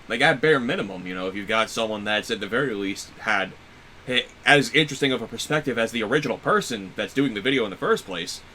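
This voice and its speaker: A man with a low but bright, forceful voice chats as a guest on a reaction video. He rambles, restarts his sentences and leans on fillers as he works out his point. There is a faint hiss underneath. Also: rough recording. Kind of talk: casual chat.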